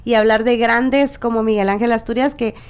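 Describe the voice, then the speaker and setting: A woman co-hosting a morning show, chatty and encouraging, filling the gaps with quick affirmations. Her voice sits a little higher than most. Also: steady tone, clean tone. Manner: warm, many short backchannels. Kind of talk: casual studio conversation.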